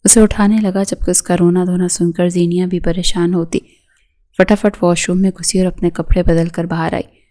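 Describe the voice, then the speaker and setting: A woman giving scripted narration of a romance novel in a steady, even reading. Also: lowish voice.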